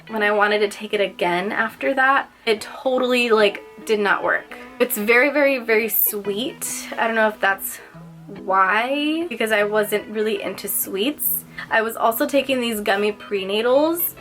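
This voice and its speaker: A young woman with a medium-pitched, fairly bright voice chats her way through a casual personal vlog. She sounds slightly nasal and congested and uses lots of filler words.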